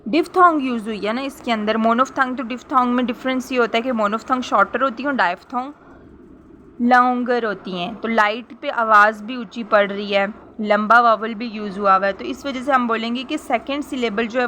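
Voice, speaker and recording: A woman's voice: on the high side, fairly quick, hardly any pauses, sharp tone, a little hiss or hum. A young woman teaching a lesson, explaining patiently, repeating points and checking that listeners understand. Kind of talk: explanatory lesson in Hindi-Urdu with English terms.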